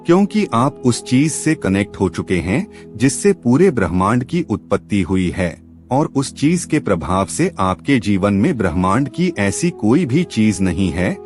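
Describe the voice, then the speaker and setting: Lively-voiced man narrating devotional advice. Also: on the low side. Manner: earnest, instructive, addresses viewers as friends. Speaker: spiritual channel narrator. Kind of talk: scripted devotional voice-over.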